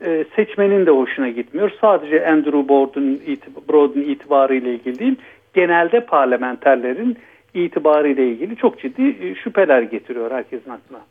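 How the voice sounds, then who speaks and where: A man calling in by phone as a guest commentator, giving measured, explanatory analysis over a phone line. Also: on the high side, lively intonation.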